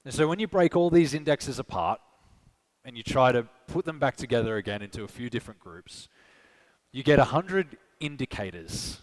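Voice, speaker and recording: A conference speaker with an Australian accent delivers a live keynote from the stage, his mid-range voice expressive and moderately paced. He chats with the crowd, asking questions and frequently adding "okay?" and "right?", captured in a low-quality recording.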